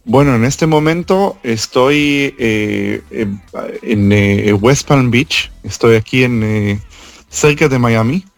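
A man from Israel, a tour guide, answering interview questions over an international phone call, speaking haltingly and pausing often. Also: mid-range voice, vocal fry, dry recording, soft background music. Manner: halting, with frequent hesitation fillers.

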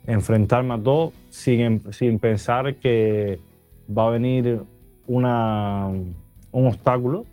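A man, giving earnest, halting interview answers full of restarts. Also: medium pitch, fairly even intonation, mellow, soft background music. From Cuba. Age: 30s. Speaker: guest.

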